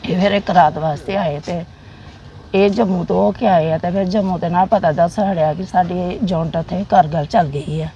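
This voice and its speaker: A middle-aged soldier's widow from the Jammu region, speaking with a Punjabi accent, recounts memories plainly and haltingly, repeating phrases. Her voice is on the low side, steady and dark. The recording is muffled, with slight background noise.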